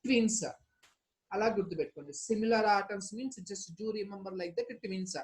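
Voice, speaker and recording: A woman's voice: mid-range voice, racing, darkish tone. A woman with a Telugu Indian accent teaching a lesson, repeating key points and often checking with short question tags. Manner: instructive, repetitive, frequent question tags. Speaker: chemistry teacher.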